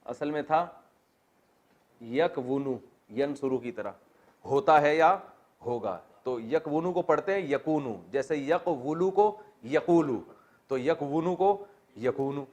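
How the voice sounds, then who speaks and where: A man's voice: fairly high pitch, a little mellow. Man teaching a Quran class. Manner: explains grammar step by step, asks the class questions, jokes lightly. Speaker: religious teacher.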